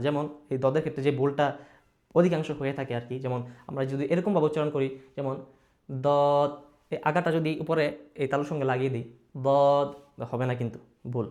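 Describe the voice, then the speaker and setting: A man teaching Quran recitation, explaining each letter patiently and sounding out letters loudly for practice. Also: medium pitch. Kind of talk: slow explanatory lesson.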